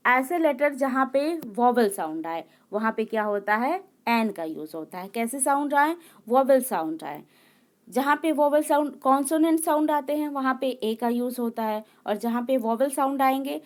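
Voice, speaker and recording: A woman teaching an English grammar lesson. She reads each rule slowly, then explains it again and again, checking in with her listeners as she goes. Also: on the high side. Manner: explains slowly, repeats words and checks in with "okay".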